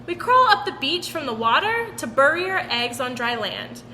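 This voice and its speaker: A woman voicing gentle, industrious mother sea turtles in animated sing-song storybook style. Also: sits high, normal speed, exaggerated voice. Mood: gentle, busy. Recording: roomy long reverb with background noise.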